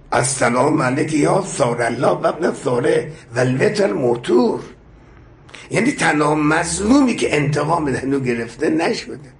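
A man preaching a sermon with passion, reciting prayer lines and explaining them, his voice swelling to loud emphatic cries. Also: a little high, creaky. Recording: echoey room.

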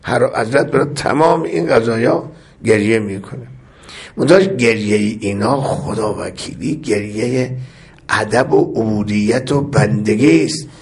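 A man's voice: lowish voice, darkish tone. A man preaching a religious sermon with rhythmic, impassioned repetition, weaving in recited Arabic prayer phrases.

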